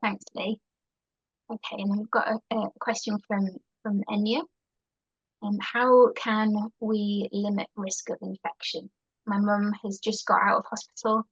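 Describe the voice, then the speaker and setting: A woman's voice: mid-range voice, level tone, measured pace, vocal fry, slightly rough, no echo, dull audio. A woman moderating an online session, reading out audience questions politely and briefly, with hesitant fillers.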